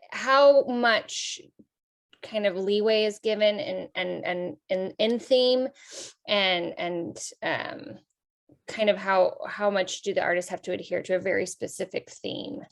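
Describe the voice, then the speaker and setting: A woman's voice: medium pitch, slow pace. A woman from the audience asking a question, hesitant and searching for her words. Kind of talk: casual question.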